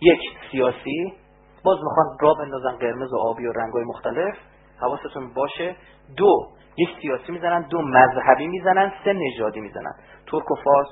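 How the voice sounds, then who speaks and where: A man giving a religious lecture, animated and rising to emphatic outbursts. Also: mid-range voice. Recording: tinny phone-like band with faint hum.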